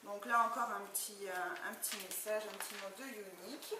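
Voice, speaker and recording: Female beauty vlogger, chatty and excited, far from the mic in a noisy, echoey room. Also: medium pitch, fairly quick. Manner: chatty, enthusiastic, many fillers. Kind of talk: casual product unboxing. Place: indoor room, far from the camera. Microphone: camera mic at a distance. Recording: echoey room, distant mic, background noise.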